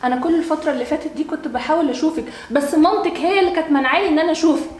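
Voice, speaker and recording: A woman playing an estranged father who coaxes his young daughter, with an Egyptian accent, using her own voice without deepening it. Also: very fast, background noise, lightly acted. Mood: coaxing. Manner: playful, keeps her own pitch instead of deepening it. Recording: roomy room echo.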